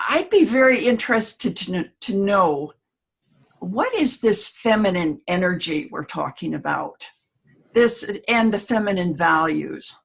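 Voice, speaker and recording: A woman hosting an online panel discussion, introducing guests in a measured way. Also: medium pitch, a bit bright. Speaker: panel host.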